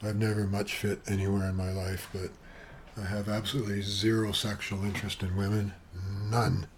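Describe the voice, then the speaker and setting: A little hiss or hum sits under this recording of a soft-voiced Canadian vlogger in his seventies, rambling chattily at his computer at home with eccentric asides and fillers. He speaks at a normal speed in a lowish, level voice, recorded on a webcam with external sound equipment.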